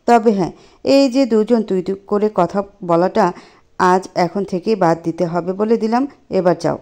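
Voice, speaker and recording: A woman's voice: medium pitch, measured pace, warm tone, natural voice. A woman voicing a stern, scolding middle-aged mother-in-law in a spoken storybook. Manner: scolding, firm.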